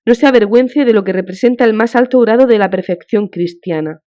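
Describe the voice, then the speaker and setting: A woman's voice: a little high, a little fast, mellow, close to an everyday voice. A woman reading an audiobook, voicing a devout countess who speaks in a fervent, consoling, emotional way, on a dull lo-fi recording.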